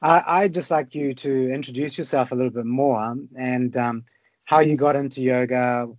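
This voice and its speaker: A man's voice: medium pitch, steady tone, moderate pace, no room sound. Man hosting an interview, upbeat, stumbling over words, dry muffled call audio. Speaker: podcast host. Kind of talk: casual interview talk. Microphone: remote call.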